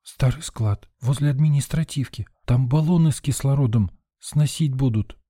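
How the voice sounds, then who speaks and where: Frightened young nurse in shock, faint breathy stammer, raised higher voice, as a male narrator puts her on. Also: normal speed, dark tone, no echo, studio quality, lightly acted.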